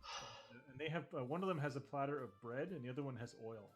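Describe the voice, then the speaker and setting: A man running a tabletop game, narrating casually in a halting, rambling way as he improvises. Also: mid-range voice, faint music behind. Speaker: game master.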